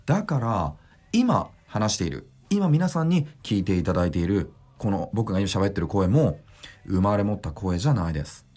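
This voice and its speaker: Lively male voice trainer, deep resonance. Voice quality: deliberately deep chest resonance. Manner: lively, instructive, demonstrates vocal sounds. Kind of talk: podcast voice lesson.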